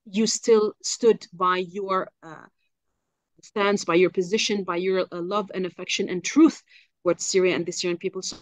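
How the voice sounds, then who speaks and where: A woman from Lebanon speaking as a guest journalist in an interview, passionate and halting, with many fillers and restarts. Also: on the low side, fairly even intonation, dry recording. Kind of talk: interview on a call.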